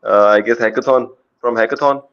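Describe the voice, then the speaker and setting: A man hosting a casual online interview, his voice distorting and clipping on a call mic, speaking haltingly with many fillers. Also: mid-range voice, fairly even intonation, fairly bright tone, muffled recording. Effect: distorting, clipping microphone. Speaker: host interviewer. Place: someone else's home.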